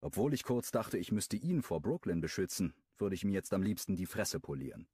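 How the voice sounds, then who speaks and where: Male audiobook narrator, first-person romance: low, slightly husky, animated delivery, dry close sound. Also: a little fast, dry recording. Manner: lively first-person storytelling. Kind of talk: scripted narration.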